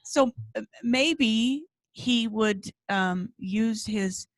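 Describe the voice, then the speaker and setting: A woman co-hosting a podcast, telling a story in casual chat with lively rises and frequent restarts. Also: fairly high pitch, extremely slow, no echo. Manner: storytelling, animated, restarts often. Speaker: podcast co-host.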